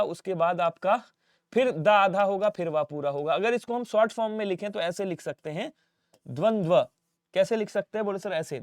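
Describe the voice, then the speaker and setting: A male teacher, giving an exam-prep lesson. He drills students with quick questions and answers and repeats each spelling. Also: high-pitched, no room sound, studio quality. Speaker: Hindi teacher.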